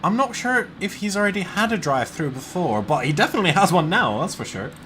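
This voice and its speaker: A man's voice: high voice, big pitch swings, fast, bright, forceful tone, slight background noise. A man commentating a sim race in a casual, jokey way. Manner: jokey, swears, laughs between calls.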